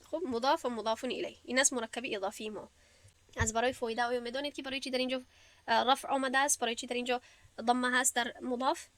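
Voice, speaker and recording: A woman teacher walks through a grammar lesson with patient, step-by-step explanations. Her voice sits a little high. She is recorded dry and close, with almost no room sound. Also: steady tone, a bit bright, dry recording. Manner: patient, step-by-step explaining, recites verses slowly. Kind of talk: classroom lesson.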